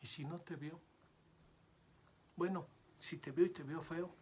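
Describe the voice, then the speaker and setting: A man preaching a sermon as pastor, swinging from hushed whispers to loud cries and calling out to his listeners as brothers. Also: on the high side, steady tone, unhurried, slight background noise. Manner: repeatedly addresses listeners as brothers.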